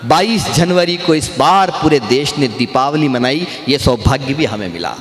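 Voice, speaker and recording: A man performing comic poetry on stage, chatting to the crowd and then drawing out his verses slowly and with force. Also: medium pitch, lively intonation. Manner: chatty asides to the crowd between slow, drawn-out, declaimed verses. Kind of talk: humorous poetry recitation to a live audience. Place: live poetry-gathering stage in a large hall. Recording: echoey hall with long reverb, faint ambience.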